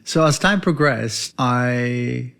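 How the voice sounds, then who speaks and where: A man's voice: mid-range voice, slow, creaky, a bit bright, clean tone. A man, a veterinarian hosting his own podcast, earnestly telling his life story in a reflective monologue. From Czech Republic. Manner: earnest and reflective, with some non-native phrasing.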